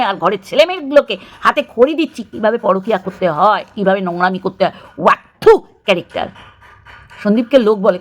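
Woman vlogger, angry scornful rant, slightly high pitch. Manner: scornful, abusive, disgusted outbursts.

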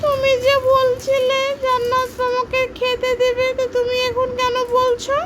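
A woman's voice: very high voice, completely flat delivery, moderate pace, noisy background, voice pushed up. A woman voicing a small impish friend in pretend play, whining childishly and demanding food impatiently. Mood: nagging.

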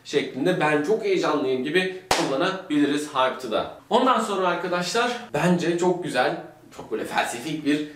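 A man's voice: lively intonation, normal speed, recorded from a distance, a little hiss or hum. Brief: a joking, slangy male English teacher from Turkey, set back from the mic in an echoey room. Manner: playful, slangy, theatrical, big pitch swings. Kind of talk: casual joking language lesson.

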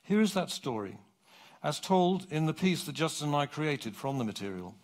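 A middle-aged man from England, giving a public lecture from his script on a theatre stage. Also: a little high. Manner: animated, clear and measured.

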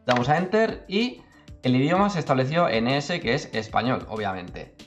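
Man, casual tutorial talk, chatty, frequent check-ins, soft music underneath. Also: mid-range voice, lively intonation, moderate pace. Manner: chatty, self-interrupting, many "¿vale?". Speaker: tutorial youtuber. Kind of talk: casual screen-recorded tutorial.

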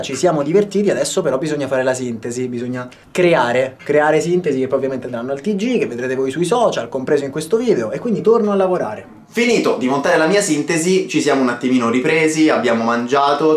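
A young man chatting casually to camera in a joking, talkative vlog style. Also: medium pitch. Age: young adult. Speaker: vlogger and football commentator. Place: indoors in hotel rooms and offices. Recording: roomy indoor echo.

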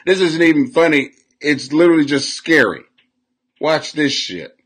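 Loud crude home live-streamer, high bright voice. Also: male voice, expressive, normal speed, a little hiss or hum. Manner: loud, crude, laughs often, swings from shouting to mumbling. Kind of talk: rambling live-stream comedy rant. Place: small room at home, indoors. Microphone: webcam at desk.

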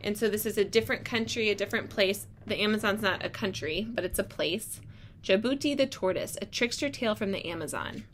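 Casting: young woman, elementary teacher doing a read-aloud, medium pitch, recorded on a device with room noise. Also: fairly quick. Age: young adult. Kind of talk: explaining and reading a picture book aloud to children. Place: small indoor room with block walls. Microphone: device microphone at arm's length.

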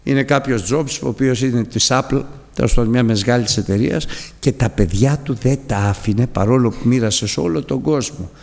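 A man's voice: medium pitch, creaky, a little mellow, big-room sound. A man preaching a sermon in a church, exhorting his listeners with impassioned, repeated appeals.

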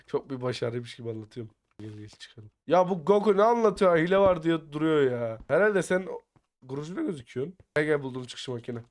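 A man chatting with teammates over voice chat while playing a survival game, slangy and excitable, sometimes muttering quietly and sometimes breaking into shouts. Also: mid-range voice, brisk. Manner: excitable, slangy, bursts into shouting when attacked; often mutters quiet asides. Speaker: gaming YouTuber. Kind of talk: casual gameplay chat with teammates.

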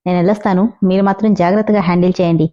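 A woman voicing a confident, scheming young man who talks in a calm, teasing way. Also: on the low side, very fast, highs cut off, natural voice. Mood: cocky. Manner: calm, teasing, self-assured.

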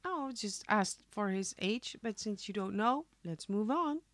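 A woman's voice: mid-range voice, animated, unhurried, background noise. Earnest, chatty mother co-hosting. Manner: earnest, chatty, hesitant with fillers. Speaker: co-host, the host's mother. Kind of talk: casual reaction chat.

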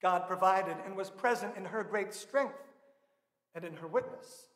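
A pastor in his thirties delivers a sermon at the pulpit, his voice sitting noticeably high for a man. He speaks in a measured, earnest way, slowing down to stress key words. The sound rings through a large sanctuary with a long, roomy reverb. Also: a bit bright. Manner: measured, earnest preaching with slow emphatic stresses. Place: large church sanctuary, indoors. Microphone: pulpit microphone. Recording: echoey church with long reverb.

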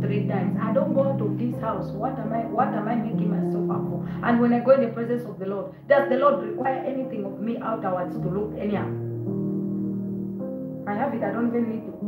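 A Zambian woman in her forties, her voice fairly high, delivers a fiery sermon indoors in her living room, repeating words and moving around as she preaches. A phone camera on a stand a short way off captures her, giving roomy, dull, lo-fi audio.

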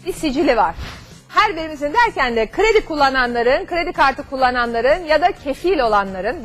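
A woman's voice: high voice, a bit bright. A middle-aged woman hosting a live call-in advice show, explaining things conversationally with a courteous, customer service manner. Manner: explanatory, with everyday examples and lists. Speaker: TV host giving financial advice to callers. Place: TV studio at a desk. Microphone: lapel mic.

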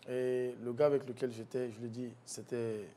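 A man being interviewed tells a painful story about his family. He is soft-spoken and halting, restarts sentences often, and lets his voice drop low when recalling grief, with little pitch movement overall. A faint rumble can be heard under the recording.

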